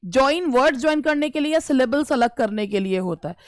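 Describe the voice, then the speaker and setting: A woman teaching A woman with an Indian accent gives an English grammar lesson for exam preparation. Her voice is fairly high and smooth, recorded dry and close. She reads each question deliberately, then explains it and answers her own questions. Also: lively intonation, no room sound. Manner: asks questions and answers them herself.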